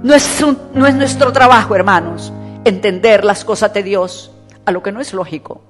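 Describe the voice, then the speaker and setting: A woman's voice: mid-range voice, moderate pace. A woman preacher, delivering an emphatic sermon and repeating key words for stress. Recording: echoey church hall with faint music.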